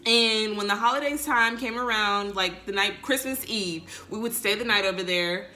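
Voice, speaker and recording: A woman's voice: mid-range voice, normal speed, pushed and bright, a little hiss or hum. A young woman from Texas, talking candidly and rambling to her viewers in a heartfelt personal rant. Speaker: vlogger. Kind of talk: emotional personal rant to camera.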